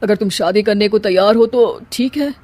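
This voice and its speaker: A woman voicing a blunt, irritable middle-aged father in a cartoon story, talking in a gruff, scolding way. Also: medium pitch, normal speed, dark tone, natural voice. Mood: weary.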